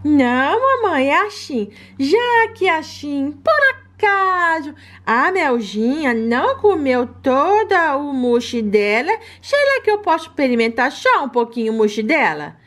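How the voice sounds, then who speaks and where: A woman's voice: high-pitched, big pitch swings, a little slow, a bit bright, heavily acted. A woman voicing a greedy, talkative baby girl doll, in a toy play video. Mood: pleading. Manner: cheeky, pleading, talkative.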